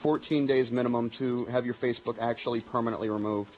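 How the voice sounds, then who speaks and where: A man's voice: medium pitch, steady tone, fast, phone-quality sound, loud music behind the voice. A man chatting during a game, bossy and fussy about keeping things organized. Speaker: gamer co-host. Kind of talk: casual gaming chat. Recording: noisy capture with clicks.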